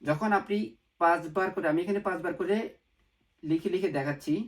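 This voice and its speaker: A man's voice: a little high, a little fast, poor audio. Male teacher, patient stepwise lesson narration, repeats key points, drops in English words. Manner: repetitive, asks and answers own questions; mixes English words into Bengali. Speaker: Japanese language teacher.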